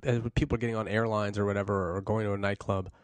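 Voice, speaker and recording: A man's voice: lowish voice, level tone, fast, no echo. A man hosting a casual talk show, who asks questions and tosses in playful, joking hypotheticals. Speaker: host.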